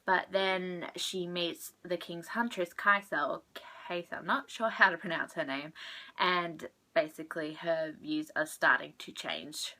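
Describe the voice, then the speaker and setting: A young book vlogger chats casually in a wrap-up of books she has read, rambling and correcting herself, a bit stuffed up from sneezing. Her voice is on the low side, bright and forceful, with a steady tone and an unhurried pace. The recording is rough.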